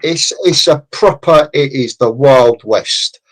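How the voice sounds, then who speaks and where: A man's voice: mid-range voice, slow pace, rough recording. A man, a construction consultant speaking as a podcast guest, blunt and passionate, often acting out what other people say. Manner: animated, acts out quoted people; blunt, passionate about his trade. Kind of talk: podcast interview.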